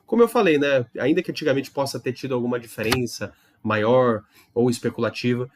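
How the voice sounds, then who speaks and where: A man's voice: mid-range voice, a little fast, background noise. A man teaching a recorded Hebrew lesson, explaining patiently, demonstrating sounds and checking in with his students often. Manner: explains patiently with many tag questions and demonstrations.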